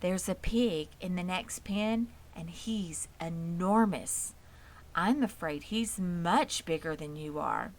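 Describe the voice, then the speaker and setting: A woman's voice: fairly low pitch, slow. A woman voicing a clever female spider, composed and polite, with a precise, dry way of talking. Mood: calm, observant.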